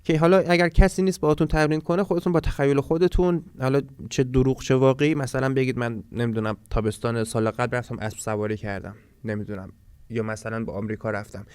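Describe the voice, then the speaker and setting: A man teaching a language lesson from a textbook, reading foreign words slowly and explaining them step by step. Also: medium pitch, steady tone, a little mellow, clean tone, no echo. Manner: explains step by step, reads Swedish words slowly then translates.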